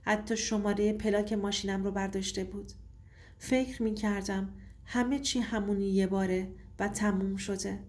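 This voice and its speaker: A woman giving a steady, tense first-person scripted story narration, with faint music behind. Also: mid-range voice.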